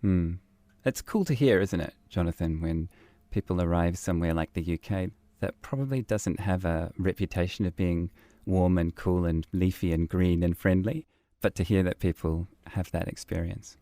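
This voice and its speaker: A man's voice: sits low, normal speed, mellow, no room sound. A man hosting a podcast, welcoming a guest and asking questions in an upbeat manner. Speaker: podcast host. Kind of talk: casual podcast interview.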